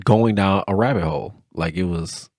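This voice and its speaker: A man co-hosting a casual podcast, running through his points in a playful, excited way. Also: low-pitched, moderate pace, dry recording, clean studio sound. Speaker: podcast co-host.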